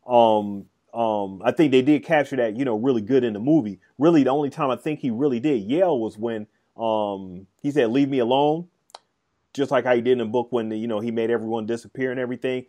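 A man's voice: medium pitch, mellow. A man in casual chat, talking in a rambling, hesitant way with many fillers and restarts. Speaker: podcast co-host discussing a film and comic.

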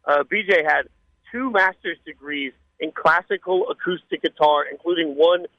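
A man's voice: on the high side, moderate pace, fairly bright tone, no room sound, lo-fi sound. A man appearing as a radio guest, telling casual anecdotes in a chatty, rambling way.

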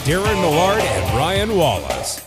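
A man's voice: on the high side, wildly swooping pitch, a little slow. A man announcing a scripted radio station ident. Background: loud guitar music.

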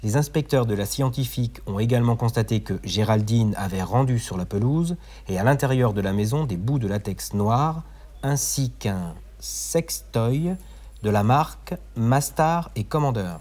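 A man's voice: mid-range voice, moderate pace, darkish tone, natural voice. A man playing a clumsy, earnest and polite police inspector in a comedy audio drama. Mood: pedantic.

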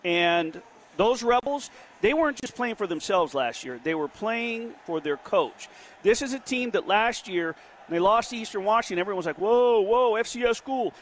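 A man hosting a sports betting radio show, giving emphatic, rapid-fire opinions from a casino sportsbook studio. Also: sits high, lively intonation, fairly bright tone, slight background noise.

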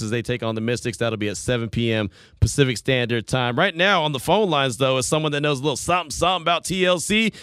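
A man's voice: on the high side, fairly bright tone, no room sound, studio quality. A man hosting a sports talk radio show, chatting casually, repeating himself and laughing easily. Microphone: studio microphone.

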